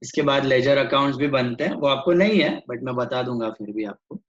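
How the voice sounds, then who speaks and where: A man's voice: medium pitch, animated, a little fast, lo-fi sound. A man teaching an online accounts class, switching between Hindi and English and quizzing his students.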